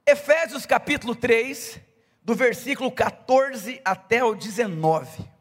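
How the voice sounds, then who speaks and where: Fervent high-voiced preacher in a hall. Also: male voice, measured pace. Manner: builds from calm storytelling to loud fervent preaching. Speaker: pastor. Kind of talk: sermon. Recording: echoey hall reverb.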